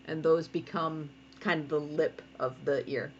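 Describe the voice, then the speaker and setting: A woman's voice: sits low, steady tone, a little slow, slightly rough, muffled recording. A woman cartoonist giving a casual drawing tutorial from home, chatty and giggly, often breaking off to scold her cats. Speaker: cartoonist teaching a draw-along.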